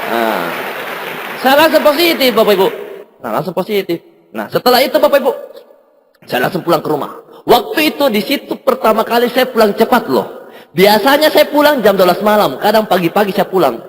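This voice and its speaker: A man tells a motivational story to a seminar crowd, with a very high voice that leaps around, acting out both sides of each exchange and laughing often. His voice rings with a long reverb from a large hall. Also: brisk. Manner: animated, laughs often, acts out dialogue. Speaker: guest speaker at a business seminar.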